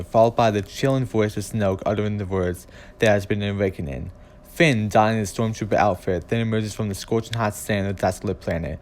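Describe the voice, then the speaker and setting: A man narrating a scripted video essay in an earnest, deliberate and emphatic way. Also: on the low side.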